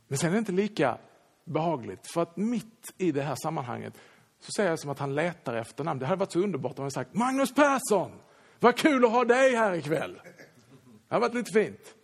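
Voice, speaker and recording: A man, a Swedish pastor, telling a lively anecdote in a sermon and acting out the quoted lines. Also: fairly high pitch, vocal fry, slightly rough. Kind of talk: sermon storytelling.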